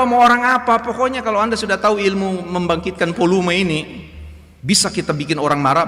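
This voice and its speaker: A middle-aged man preaching a humorous sermon, swinging from soft murmurs to loud bursts. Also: high-pitched. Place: church. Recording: long reverb of a church hall.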